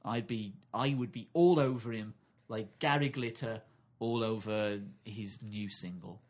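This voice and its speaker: Fairly low-pitched and measured in pace, this man co-hosts a comedy podcast. His playful, giggly storytelling turns into absurd improvised comedy chat.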